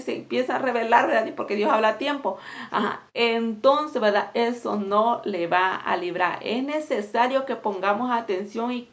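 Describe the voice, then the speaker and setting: Exhorting woman preacher, gravelly high voice. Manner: constantly inserts "¿verdad?" and "¿me entiendes?"; exhorting, earnest. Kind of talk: sermon.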